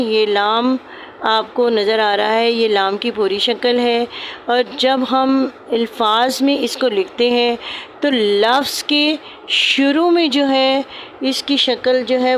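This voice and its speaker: A woman's voice: fairly high pitch, slight background noise. Patient woman teaching calligraphy. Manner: patient, repeats points, calls students "beta". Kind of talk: step-by-step lesson narration.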